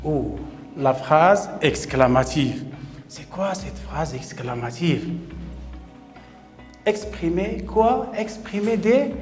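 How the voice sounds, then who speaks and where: Male primary teacher from Morocco, very slow, lively pitch, echoey hall, faint music behind. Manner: slow, emphatic, repeats and praises. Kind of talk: grammar lesson for children.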